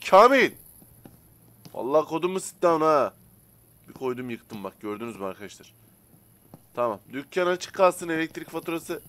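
A man casually commenting as he plays a simulator game, chatting to viewers and to the characters, and bursting out loudly when annoyed. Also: a little high. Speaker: gaming streamer. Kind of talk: casual let's-play commentary.

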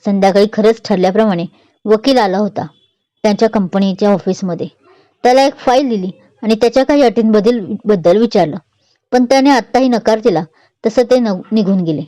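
A woman storyteller giving steady, expressive narration of a family serial story. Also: mid-range voice, fairly quick, no echo.

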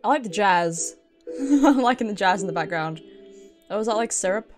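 A British woman, streaming as she plays, offers playful, casual commentary to herself, reads dialogue aloud, giggles, and swears a bit. Her voice is medium-pitched and animated at normal speed, with game music underneath.

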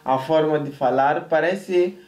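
A man's voice: a little high, measured pace, darkish tone. Mozambican guy reacting to a vid, chatty, sounds a bit far off in an echoey room. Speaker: reaction video host. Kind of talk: casual reaction chat. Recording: roomy, off-mic sound.

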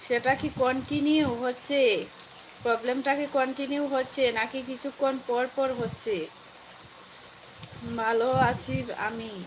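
A woman with a sore, hoarse throat, chatting live with viewers and asking warmly after them. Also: high-pitched, fairly even intonation, a little slow, long pauses, noisy background. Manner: caring, asks viewers how they are. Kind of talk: casual live chat reading viewer comments.

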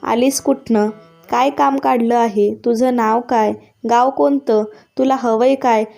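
A woman's voice: on the high side, steady tone, a little slow, creaky, dark tone, soft background music. A woman voicing a young palace maid who talks in an anxious, questioning way.

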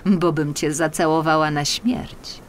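A woman's voice: low voice, steady tone, a little slow, slight background noise. A woman voicing a tall, icy queen, coaxing and commanding, in a children's storybook. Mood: coaxing, cool.

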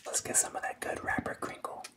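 A young man whispering, deadpan, as the host of a comedic ASMR parody. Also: fairly quick. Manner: soft breathy whisper, deadpan. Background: plucked guitar music.

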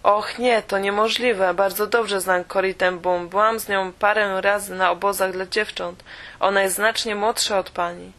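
A woman reading the lines of an eager, friendly young nurse in her own quiet storybook voice. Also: mid-range voice, steady tone, moderate pace, close to an everyday voice. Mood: astonished. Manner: read in the narrator's own quiet voice.

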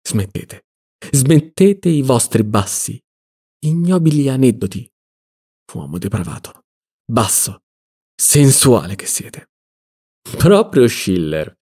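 A man's voice: medium pitch, lively intonation, slow pace, long pauses, mellow, slightly rough. A man reading an audiobook, voicing an indignant, scornful young male student in heated outbursts.

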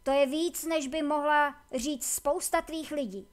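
A woman voicing a proud, vengeful female warden who is imprisoned and bitter, with sharp, scornful retorts. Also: high voice, close to an everyday voice.

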